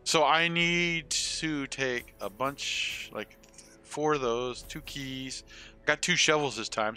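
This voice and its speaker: A man in his forties with a medium-pitched, sharp voice streams a game, chatting casually and rambling with some salty swearing as he gives gameplay commentary.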